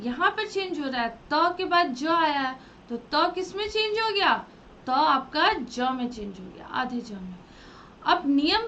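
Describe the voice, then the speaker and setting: A woman teaching a grammar lesson, asking her students questions and then answering them herself in a drawn-out, teacherly way. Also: high-pitched, bright, forceful tone, highs cut off, slight background noise. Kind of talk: classroom lesson explaining rules.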